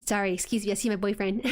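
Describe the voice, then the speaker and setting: Hosting a stream where viewers watch anime together, a woman chats casually and reacts with excitement. Her voice is soft and medium in pitch.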